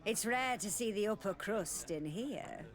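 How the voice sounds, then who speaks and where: A woman's voice: medium pitch, lively intonation, a little slow, close to an everyday voice. A woman playing a flirtatious, coaxing tavern courtesan in a video game, with a sultry manner. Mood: seductive. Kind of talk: video game character acting.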